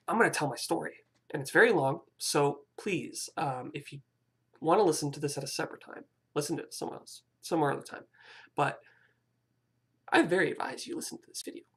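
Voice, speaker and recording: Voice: mid-range voice, a little fast, a bit bright, slightly rough. A young adult of about twenty vlogging a rambling, hesitant personal confession, often apologizing and restarting sentences.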